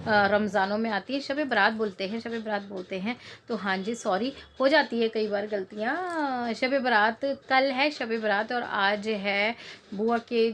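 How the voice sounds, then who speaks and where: A woman's voice: on the high side, slight background noise. A woman in her thirties chatting casually in a home cooking vlog, rambling and joking as she talks. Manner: chatty, rambling, jokes and laughs. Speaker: cooking vlogger. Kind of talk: casual chat to camera.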